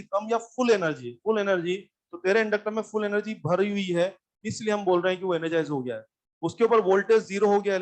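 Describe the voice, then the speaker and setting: High-voiced Hindi-speaking physics teacher. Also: male voice. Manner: addresses students directly, repeats points, tells them to sit and listen. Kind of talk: classroom lecture. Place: classroom with live students.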